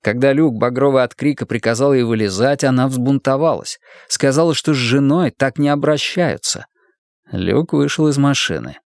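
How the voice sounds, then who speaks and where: A man reading an audiobook novel aloud in measured, scripted narration. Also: medium pitch, no echo, studio quality.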